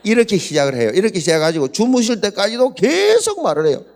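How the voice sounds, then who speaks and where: Older man, Busan accent, slightly high voice, animated storytelling pastor. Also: fast talker. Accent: Gyeongsang (Busan). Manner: animated storytelling, acts out quoted voices, laughs often. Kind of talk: humorous seminar talk.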